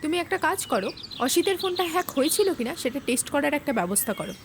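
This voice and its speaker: A woman's voice: high voice, big pitch swings, rapid-fire, slight background noise. An actress playing a curt, commanding senior woman officer in a web series drama. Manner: curt, dismissive.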